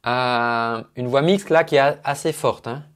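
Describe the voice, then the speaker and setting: A man's voice: mid-range voice, a little slow. Guy vocal coach breaking down a singer's technique, chatty, lots of jargon, talking into his mic at the computer. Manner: chatty and explanatory, uses singing jargon. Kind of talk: casual spoken analysis of a singer. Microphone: own microphone at a computer.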